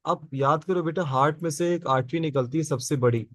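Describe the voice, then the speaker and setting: A man's voice: on the high side, fairly quick, no room sound. A man teaching biology in a classroom, asking his students questions and answering them himself, and repeating the key terms. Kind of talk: classroom lecture.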